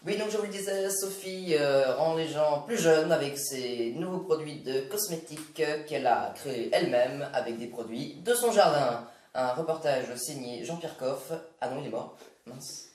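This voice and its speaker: A man's voice: fairly high pitch, moderate pace, a little mellow, natural voice. A man playing a mock-formal, blunt and bumbling TV news anchor in a comedy parody. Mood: flustered. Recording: echoey room, distant mic, faint noise.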